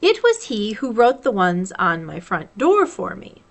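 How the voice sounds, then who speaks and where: A woman voicing a pompous, long-winded male owl from a storybook, speaking in emphatic, drawn-out phrases. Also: medium pitch, huge pitch swings, creaky, heavily acted. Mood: proud, chatty.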